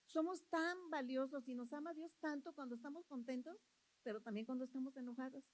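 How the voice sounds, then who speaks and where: A woman's voice: high-pitched, fairly quick, a little mellow, low-quality recording. A woman preaching a sermon, earnest, repeating phrases and putting questions to the congregation.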